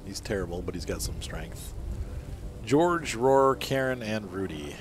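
Low-voiced male gameplay reviewer, casual and meandering, corrects himself often, home desk mic. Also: lively intonation, a little slow, background noise. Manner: rambling, self-correcting, often apologizing. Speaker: game reviewer.

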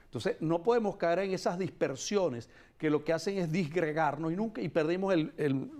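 A man's voice: a little high, lively intonation, moderate pace, a little mellow. A man in his sixties, a priest on a TV panel, speaking emphatically, almost preaching, in a heated debate. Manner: emphatic, preaching, gestures broadly. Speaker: priest guest. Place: TV studio. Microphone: lapel.

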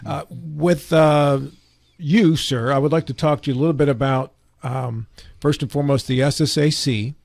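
A man's voice: a little high, steady tone, moderate pace, gravelly, darkish tone, no room sound. A middle-aged man hosting a radio talk show, asking long conversational questions at a studio mic. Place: radio studio with foam panels. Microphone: boom-mounted studio mic with headphones.

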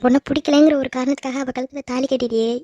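A woman's voice: high voice, fairly even intonation, rapid-fire, muffled recording, noisy background, natural voice. A woman voicing a middle-aged mother who scolds her son in a cartoon drama, in a reproachful, pleading way.

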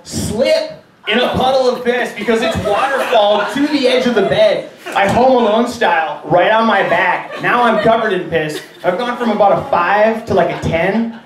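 A young man doing excitable, crude stand-up storytelling on a comedy club stage. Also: high-pitched. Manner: excitable, crude, laughing through the telling. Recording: roomy club sound from a distance.

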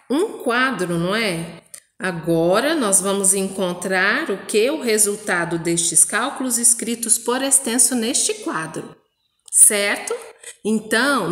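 A woman from Brazil teaching a math lesson to young children, speaking patiently and sounding out words for them. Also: on the high side. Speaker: primary school teacher. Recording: echoey room with long reverb.

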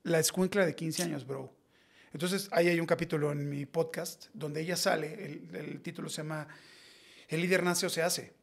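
A Mexican man in his forties, a podcast guest, telling personal stories in a blunt, slangy, animated way. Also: fairly high pitch, moderate pace, vocal fry. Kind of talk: casual podcast conversation.

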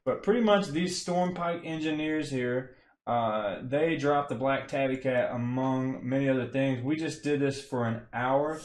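A man's voice: medium pitch, a little slow. A young man streaming from a home room, casually explaining a game farm with lots of fillers. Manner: relaxed, rambling, many fillers. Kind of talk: casual game guide commentary. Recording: echoey room.

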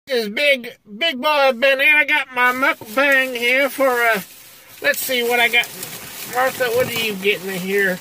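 A man's voice: extremely high pitch, measured pace, sharp tone, slight background noise, pitched above the performer's own voice, full character voice, poor audio. A man voicing a goofy, flustered guy who chatters while eating takeout on camera. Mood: chatty.

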